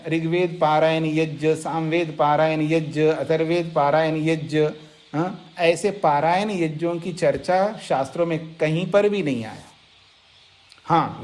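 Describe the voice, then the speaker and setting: A man's voice: fairly high pitch, a little mellow. A man with a somewhat raised voice teaches scripture as a monk in a patient, explanatory lecture. He speaks straight to his listeners. He circles back to stress key points. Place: ashram lecture setting.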